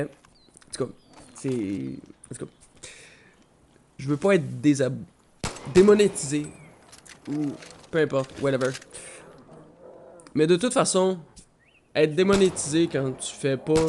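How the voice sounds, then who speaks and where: A man with a Québécois accent giving excitable, swearing gameplay commentary while he has the flu. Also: fairly high pitch, a little hiss or hum. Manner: excitable, swears often, loud outbursts. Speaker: gaming YouTuber.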